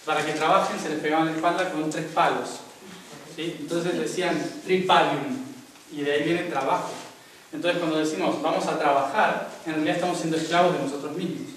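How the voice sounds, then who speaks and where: Young man, spiritual talk, slightly high voice, recorded far off in a big echoing room. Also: fairly even intonation, fairly quick, fairly bright tone, a little hiss or hum. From Argentina. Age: young adult. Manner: explains step by step, often checking in with "¿sí?". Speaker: spiritual speaker. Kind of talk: spiritual talk to a live audience. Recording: very echoey room, mic far off.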